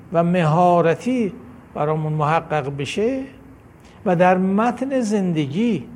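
A man's voice: fairly high pitch, a little mellow, slight background noise. A man giving a devotional lecture, reading a numbered list of points in a declamatory way that rises on each number. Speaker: religious lecturer.

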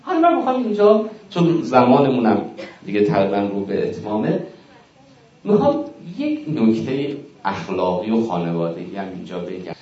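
A man from Iran giving a religious lecture on family life, animated and acting out everyday dialogues. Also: on the low side. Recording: roomy, distant, dull sound.

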